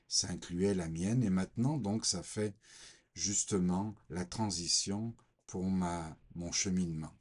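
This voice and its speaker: A man from Portugal giving a hesitant personal faith testimony with scripture reading, pausing often with fillers. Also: deep voice, darkish tone. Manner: slow, hesitant, many fillers.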